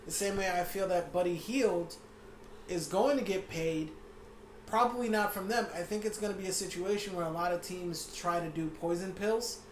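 A man's voice: sits high, normal speed. A man co-hosting a podcast, giving blunt, opinionated sports takes and swearing freely. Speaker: podcast co-host. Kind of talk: casual sports chat. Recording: echoey room, faint background hiss.

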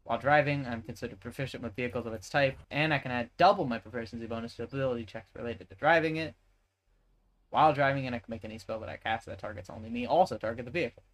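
A man's voice: medium pitch, fast talker, low-quality recording. A man playing a tabletop game, talking casually and rambling with lots of fillers as he reads out rules. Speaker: player.

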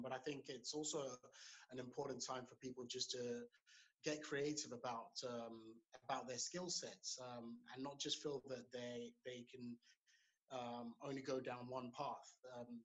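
A man's voice: medium pitch, poor audio. A man in his thirties speaking as a podcast guest, easygoing, laughing often and using many fillers. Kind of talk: casual podcast interview.

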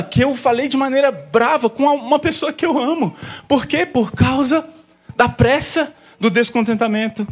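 A man in his thirties preaching as a pastor, telling lively stories about his young daughters and acting out their conversations. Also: high voice, slightly rough. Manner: lively storyteller, acts out family scenes. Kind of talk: sermon with personal anecdotes.

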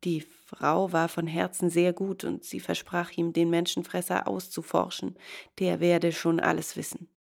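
Husky, gravelly woman reading a fairy tale. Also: fairly low pitch, a little slow. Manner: calm storybook narration. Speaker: storyteller.

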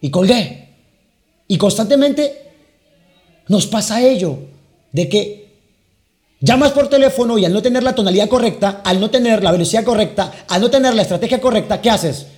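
A man teaching sales persuasion who deliberately plays with his tone, speed and volume, mixing dramatic pauses with sudden bursts. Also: sits high, animated, darkish tone. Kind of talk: teaching lesson with role-played phone calls.

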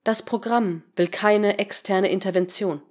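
A woman reading a story voices a rogue computer program in a flat, slow, mechanical way. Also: medium pitch, close to an everyday voice.

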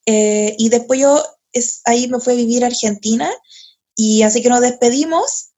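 A woman's voice: on the high side, moderate pace. Slangy young Chilean woman telling a story. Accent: Chilean Spanish. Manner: animated, slangy and profane, laughing often. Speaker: podcast host. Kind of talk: casual storytelling chat.

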